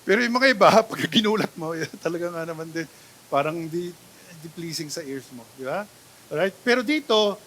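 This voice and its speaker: A Filipino pastor preaching in a church, his voice high and bright. He keeps checking with the congregation, asking "di ba?" and "right?". He swings from loud exclamations to soft asides. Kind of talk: sermon, Taglish preaching. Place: church sanctuary.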